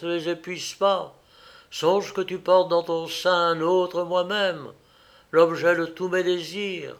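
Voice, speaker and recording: A sinister husband from a gothic tale, all false tenderness, as a male narrator puts him on. He coaxes softly and slowly, with a menace underneath. The voice sits a little high. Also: exaggerated voice.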